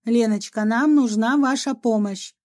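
A woman voicing a polite, calm male ghost doctor who speaks in a courteous, measured way. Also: fairly high pitch, natural voice.

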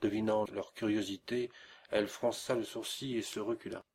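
A man's voice: on the low side, flat delivery, normal speed, darkish tone, slight background noise. A man reading a classic novella aloud as an audiobook, voicing the characters lightly in his own voice. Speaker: audiobook reader. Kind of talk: scripted narration of a classic novella.

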